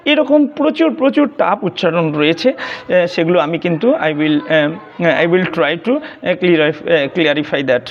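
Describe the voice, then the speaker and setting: A teacher giving a video lesson on pronunciation, hesitating often and repeating words slowly to demonstrate them. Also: medium pitch. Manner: hesitant, many filler sounds and restarts. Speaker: English teacher. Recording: dull lo-fi recording.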